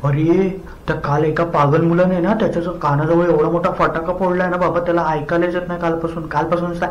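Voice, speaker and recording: A man's voice: fairly high pitch, flat delivery, fast talker, roomy sound, muffled recording, natural voice. A man playing a teasing young friend with a raised voice. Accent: Marathi.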